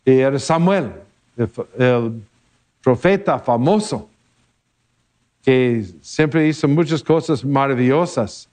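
A man, a priest, reading a gospel passage and then giving a gentle, easygoing homily with small laughs and playful repetitions. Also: mid-range voice, takes it slowly, long pauses.

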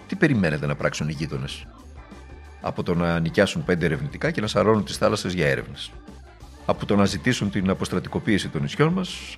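A man giving a political speech in a sarcastic, rhetorical, mocking manner. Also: on the low side.

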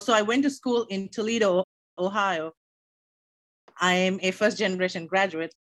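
A woman's voice: medium pitch, steady tone, normal speed, a bit bright, no echo. Earnest woman from Sri Lanka. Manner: earnest, with frequent small restarts. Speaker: optician, interview guest. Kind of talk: casual interview storytelling.

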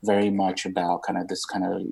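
A husky-voiced man in his thirties, from Romania, speaks as an interview guest. He rambles and searches for words, full of fillers and restarts, now and then dropping a swear word. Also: low-pitched, flat delivery, fairly quick, darkish tone, low-quality recording. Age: 30s. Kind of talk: casual interview conversation.

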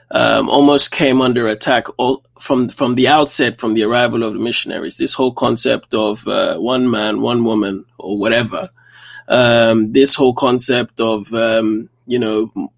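A man born in Kenya and raised across Central and West Africa, a documentary filmmaker answering interview questions with many pauses and restarts. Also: medium pitch, vocal fry, no echo. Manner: hesitant, many fillers and restarts.

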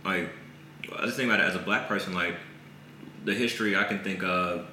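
A man's voice: low-pitched, fairly even intonation, fairly quick, pushed and bright. A man hosting a podcast in casual conversation, laid-back and slangy, easily agreeing with his guest. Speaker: podcast host. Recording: echoey room with faint noise.

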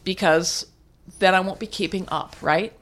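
A woman's voice: fairly low pitch, moderate pace, fairly bright tone. An older woman speaking as a guest in an interview, frank and reflective, with restarts and occasional laughs. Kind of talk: candid conversational interview.

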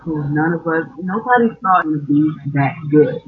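Husky man co-host on a phone-like line. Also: a little high, expressive. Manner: chatty, says girl and you know, quick bursts. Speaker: podcast co-host. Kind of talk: casual chat.

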